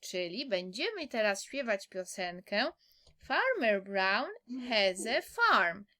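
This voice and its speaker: Using a mid-range, bright and forceful voice, a Polish-accented woman gives a simple English lesson for little kids, slow and sing-song as if reading aloud to a toddler. She exaggerates her delivery and repeats things a lot.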